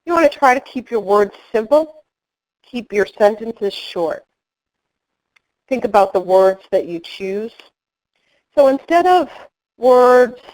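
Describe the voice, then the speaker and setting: A middle-aged woman giving a training webinar, speaking in a clear, measured instructional way. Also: medium pitch, a little mellow, low-quality recording.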